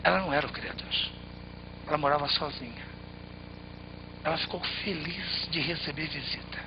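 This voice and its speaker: A man telling a traditional tale with expressive, dramatic pauses. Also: fairly high pitch. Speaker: storyteller. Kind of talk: oral storytelling. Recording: slightly muffled, faint background noise.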